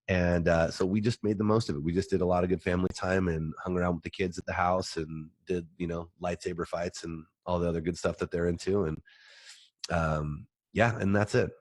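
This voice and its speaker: A man hosting a podcast in casual chat, his voice nasal and stuffed up from a cold, relaxed and full of fillers. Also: low-pitched, brisk. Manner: relaxed, filler-heavy, friendly. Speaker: podcast host.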